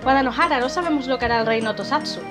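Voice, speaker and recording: Woman reading as a caring young guy, earnest, pretty high voice, game music behind. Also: very fast, lightly acted.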